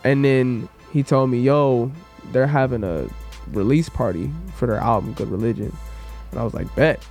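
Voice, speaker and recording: A man's voice: mid-range voice, moderate pace, darkish tone, soft background music. A young man, a musician guest, chatting casually and poking fun at himself as he tells his story. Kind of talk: casual chat.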